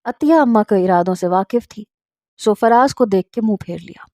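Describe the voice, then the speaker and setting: A woman narrating a family story in a calm, even way. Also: mid-range voice, moderate pace, no echo, clean studio sound.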